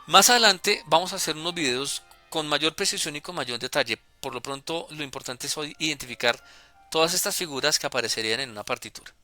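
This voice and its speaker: A man calmly explaining music notation as a teacher, deliberate and with small hesitations. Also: on the high side. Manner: deliberate, with hesitations and self-corrections.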